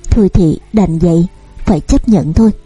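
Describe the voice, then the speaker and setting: A woman's voice: fairly low pitch, normal speed, dark tone, husky, soft background music. A woman reading as a stern grieving mother. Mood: pleading. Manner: scolding, insistent.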